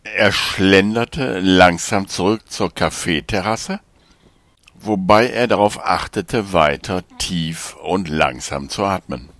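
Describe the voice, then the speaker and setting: A male narrator with a deep, low voice reads a story at a slow, unhurried pace. His delivery is calm and even. The recording is dry and close. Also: no echo. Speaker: audiobook narrator. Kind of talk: scripted narration.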